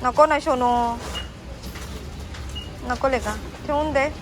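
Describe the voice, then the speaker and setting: This young vlogger speaks slowly in a voice that sits high, phone in hand as she shops. Through the bustling outdoor market and into a shop, she coaxes and scolds her small child over the noisy background.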